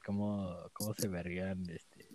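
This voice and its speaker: A man's voice: low-pitched, flat delivery, slow, dark tone, a little hiss or hum. A man with a Mexico City accent, co-hosting a comedic podcast in laid-back, slang-heavy banter full of fillers. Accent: Mexico City Spanish. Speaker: podcast co-host. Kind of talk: casual comedic chat. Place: remote, away from co-host.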